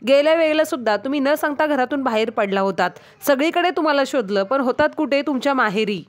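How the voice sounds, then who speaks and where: A woman's voice: high-pitched, animated, fast talker. A woman reading the lines of an anxious young husband who scolds his wife out of worry. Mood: worried scolding. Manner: urgent, worried scolding.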